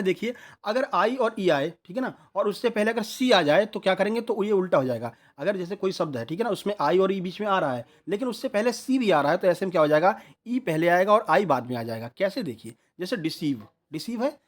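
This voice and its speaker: Man, high pitch, exam prep teacher, spells out letters, keeps checking in. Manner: explains step by step, spells words out letter by letter. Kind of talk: online lesson.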